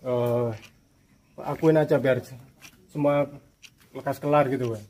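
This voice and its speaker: A man's voice: medium pitch, fairly even intonation, measured pace, warm tone. A man from the neighborhood urging the caretaker to confess. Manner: urging, accusing. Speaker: resident confronting the caretaker.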